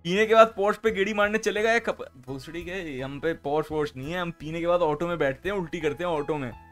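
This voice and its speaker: A young man from Kolkata, India, chats casually on a live stream in a fairly high, fairly bright voice, speaking fairly quickly. He jokes around, swears freely and mixes in English phrases, with faint music playing in the background.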